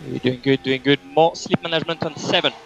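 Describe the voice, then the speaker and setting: A man's voice: a little high, fairly even intonation, fairly quick, creaky, highs cut off, slight background noise. A man working as race engineer, giving terse, repetitive, clipped instructions over race car team radio. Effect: team radio transmission.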